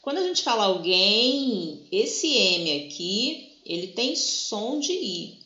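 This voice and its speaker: Bright-voiced woman teacher. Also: mid-range voice, sing-song, slow pace. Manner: patient, explanatory, keeps checking in with "tá?". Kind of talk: recorded grammar lesson walkthrough. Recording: echoey room, dull lo-fi sound.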